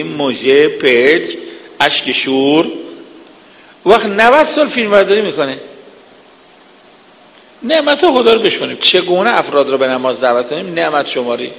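A man's voice: on the high side, vocal fry, fairly bright tone. A man giving an earnest sermon, lecturing with vivid everyday examples. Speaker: preacher. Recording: long hall reverb.

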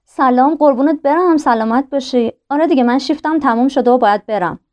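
Actress as a polite young nurse. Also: female voice, high-pitched, a little mellow, lo-fi sound, natural voice. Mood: polite, warm. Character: young kind-hearted nurse.

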